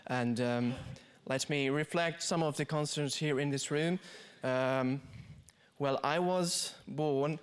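A young man from Hungary asking a question from the audience in a large theatre, speaking into a handheld mic, hesitant and halting. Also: on the high side, clear, resonant tone. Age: young adult.

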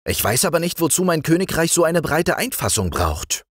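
A man voicing a timid, eager young frog king in a storybook reading, in a raised, excited voice. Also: a little high, fairly quick, husky, dry recording, studio quality, pitched above the performer's own voice. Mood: fretful.

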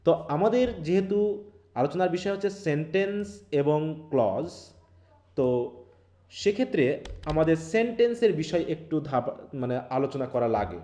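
A man with a Bangladeshi Bengali accent teaches an online English class, explaining things step by step and often asking his students questions to keep them involved. His voice sits on the high side and is mellow, with lively intonation and an unhurried pace. The recording has an echoey room sound.

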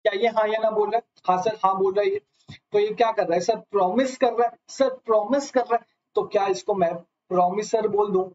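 A man's voice: sits high, steady tone, brisk, a little mellow. A man teaching a live online lecture, asking his students question after question and calling them sir. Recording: slightly dull lo-fi audio.

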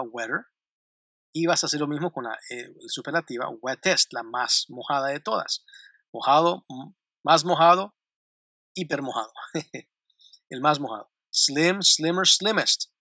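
Bright-voiced man teaching grammar. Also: fairly high pitch, no room sound, clean studio sound. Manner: repeats word lists slowly and clearly, with light laughs. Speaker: English teacher. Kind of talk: grammar lesson explaining English to Spanish speakers.

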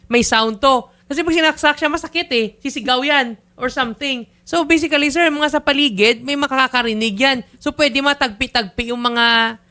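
Man, show host, bright tone, crisp and clear, firm questions, polite. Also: very high voice, normal speed. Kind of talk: public-service interview show.

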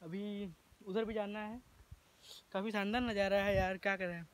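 Outside at a farm house, a young adult man aims his phone's selfie camera at himself from arm's length and narrates a casual vlog full of jokes. His voice is high and steady, at a moderate pace.

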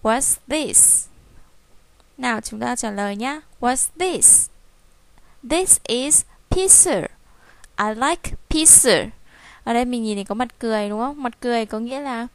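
A woman with a Vietnamese accent teaching English to young children, repeating each word slowly and clearly. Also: a little high, animated, no echo. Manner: drills English words slowly, repeating each one several times. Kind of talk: slow, clear classroom teaching.

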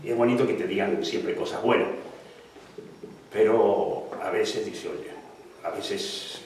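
A man's voice: on the low side, a little slow, darkish tone. A man giving a live lecture on singing, explaining patiently and repeating syllables to demonstrate. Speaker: guest lecturer on singing technique. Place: lecture hall. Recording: echoey hall, distant mic, faint noise.

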